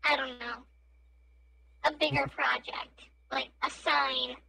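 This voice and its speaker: A woman playing in a casual tabletop game chat, playful and quick with jokes. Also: sits high, little pitch movement, vocal fry, bright, forceful tone, a little hiss or hum, rough recording. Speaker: player. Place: home streaming setup.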